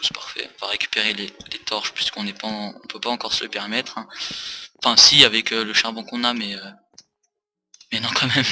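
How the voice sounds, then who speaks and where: A man's voice: medium pitch, sharp tone. A tired man rambling through casual gaming commentary with many hesitations, recorded on a desk mic for a facecam. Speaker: let's play host.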